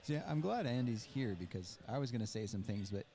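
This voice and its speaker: A man doing casual live commentary on fencing matches, laid-back and measured in his remarks. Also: mid-range voice, animated, warm tone.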